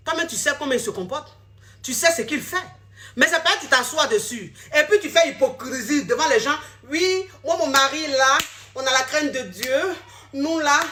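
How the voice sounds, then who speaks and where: High bright-voiced woman, blunt and scolding, repeats herself a lot. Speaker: relationship coach. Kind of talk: direct-to-camera social media talk.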